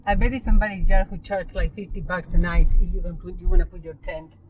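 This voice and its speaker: A woman's voice: on the low side, steady tone, fast talker, noisy background. Bantering woman in a car. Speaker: travel companion. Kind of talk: casual chat.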